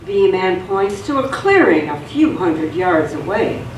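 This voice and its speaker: A woman with a fairly low, highly animated voice reads scripted narration slowly for a live radio theatre drama. She's performing on stage in a spacious hall, and the recording is echoey and noisy, captured from a distant mic.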